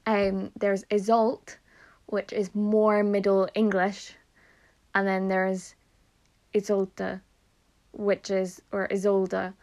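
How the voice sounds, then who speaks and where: A woman's voice: medium pitch, vocal fry. A woman casually reading out a list of names and their pronunciations, repeating each one and adding nerdy asides. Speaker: name pronunciation reader.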